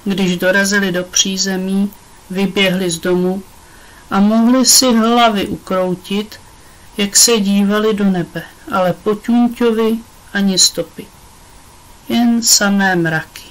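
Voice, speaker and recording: A woman reads a children's book aloud in a mid-pitched voice. Her storytelling is expressive, as she carries the listener through each scene. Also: low-quality recording. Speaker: audiobook reader. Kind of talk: children's audiobook narration.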